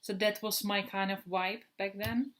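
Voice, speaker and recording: A woman's voice: mid-range voice, fairly even intonation, unhurried, a bit bright. A woman in her thirties, originally from the Republic, chatting casually in a perfume review vlog, rambling with many fillers and restarts. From Czech Republic. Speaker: perfume vlogger.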